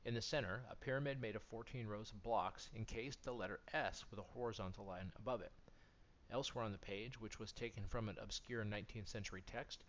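A man reading magazine articles aloud in a steady, measured way, as scripted narration. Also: fairly low pitch, slight background noise. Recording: dull lo-fi recording.

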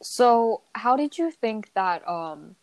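A young woman hosting a casual podcast chat, playful and quick to laugh. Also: fairly high pitch, animated, dry recording, low-quality recording. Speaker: podcast host.

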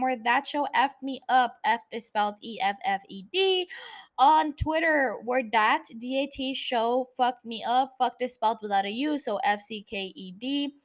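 High-pitched, sweary woman podcast host. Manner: sweary, irreverent, jokey; rambling, self-interrupting, teasing. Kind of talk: casual solo podcast chat about TV shows.

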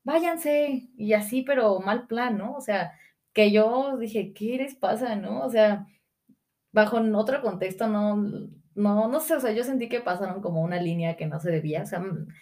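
A woman's voice: mid-range voice, normal speed, darkish tone. A woman co-hosting a podcast, telling a story at length in a rambling way and acting out what other people said. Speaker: podcast co-host. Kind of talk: casual podcast chat.

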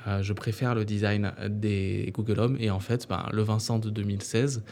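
Low, mellow-voiced man. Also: level tone, moderate pace, a little hiss or hum. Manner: conversational, frequent filler "euh". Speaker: podcast host. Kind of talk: casual tech podcast monologue.

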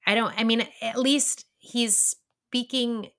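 A young woman co-hosting a podcast in casual chat, earnest and halting, with many fillers and restarts. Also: a little high, steady tone, a bit bright. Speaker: podcast co-host.

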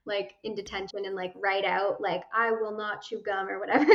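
A woman's voice: medium pitch, steady tone, moderate pace. A young woman talking casually as a guest, chatty, swearing freely and filling her speech with "like" and "you know.". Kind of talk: casual chat. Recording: roomy, dull lo-fi sound.

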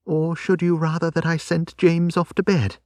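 Man playing a calm Victorian wife in a storybook reading, slow and gentle, with a husky voice. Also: on the high side, dry recording, clean studio sound, voice pushed up, full character voice. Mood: soothing. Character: kindly composed Victorian wife, gently soothing.

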